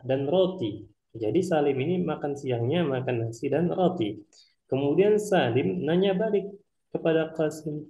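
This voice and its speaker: A man teaching Arabic, explaining a textbook dialogue word by word. He reads each Arabic phrase slowly, then glosses it. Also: medium pitch, warm tone, reverberant.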